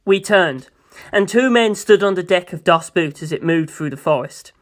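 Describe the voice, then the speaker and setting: Reading a first-person novel for an amateur audiobook, the narrator has a mid-pitched, expressive voice. The scripted story is told line by line at a moderate pace.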